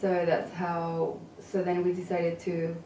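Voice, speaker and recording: Her voice sits on the low side, dark and monotone, and she talks slowly. Raised in England and Venezuela, she discusses her design work as an interview guest in casual, hesitant answers packed with fillers and restarts. It's recorded from a distance in an echoey room with faint noise.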